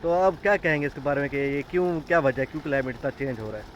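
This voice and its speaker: A man's voice: medium pitch, slight background noise. A man, a farm owner hosting a casual farm vlog outdoors in an orchard, chatting and pointing things out as he explains. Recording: dull lo-fi outdoor recording.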